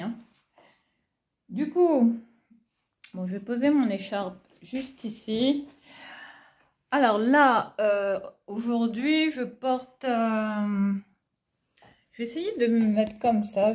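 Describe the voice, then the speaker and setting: A woman's voice: mid-range voice, a little mellow. A woman from Réunion chatting at home to her followers about her clothes. She talks in a loose, friendly way, full of fillers and little laughs, and calls her viewers "les filles" over and over. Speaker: fashion vlogger. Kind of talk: casual haul video chat.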